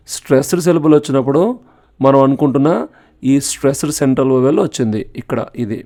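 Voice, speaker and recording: A male English phonetics teacher with a Telugu accent, speaking at a medium pitch. He explains patiently and says each example word over and over, slowly, so learners can copy it. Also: dark tone. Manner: patient, repeats words slowly for practice. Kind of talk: explanatory lesson.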